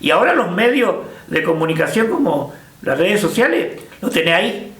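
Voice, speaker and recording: A man's voice: high-pitched, sing-song, moderate pace, fairly bright tone, reverberant. An older man with an Argentine Spanish accent, recalling the past in a hesitant interview, full of fillers and restarts. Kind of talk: casual reminiscing interview.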